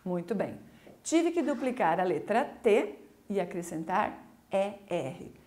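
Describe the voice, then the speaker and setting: A woman English teacher with a Brazilian Portuguese accent, giving a recorded school video lesson in a lively, coaxing way. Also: medium pitch. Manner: lively, coaxing, slow deliberate explanations.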